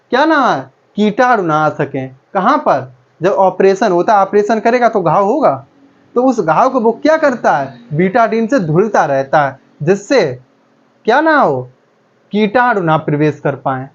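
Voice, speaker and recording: A man's voice: high voice, lo-fi sound. A male chemistry teacher lecturing, asking the class a question and repeating each answer back.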